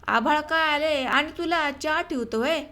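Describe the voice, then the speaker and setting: A woman's voice: sits high, normal speed. A woman voicing an angry, worried village farmer who scolds his wife, in an audiobook story reading. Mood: angry scolding. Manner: scolding, sharp-tongued.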